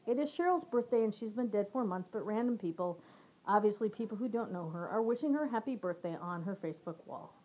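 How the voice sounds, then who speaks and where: A woman in her forties reads her own memoir aloud, the way a comic would. Her delivery is dry and deadpan, with the jokes tucked into plain statements. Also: mid-range voice, fairly quick, husky, highs cut off. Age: 40s. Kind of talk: reading a personal essay aloud.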